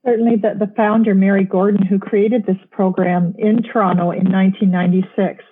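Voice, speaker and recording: A woman's voice: mid-range voice, level tone, brisk, husky. A woman speaking for a program, giving explanatory interview answers with small restarts. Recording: tinny phone-like line.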